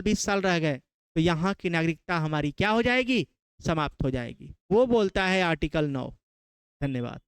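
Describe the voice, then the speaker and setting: Lecturing his students, a man from Bihar with a Bihari Hindi accent repeats important terms and quizzes them as he goes. His high voice comes across clear and resonant, with no room sound in the recording.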